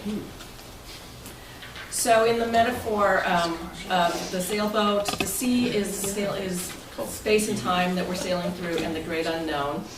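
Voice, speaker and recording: A woman with a medium-pitched voice speaks unhurriedly as club president, keeping her meeting presentation light and playful with jokes and questions for the audience to answer. Her voice is picked up at a distance in an echoey, noisy meeting room.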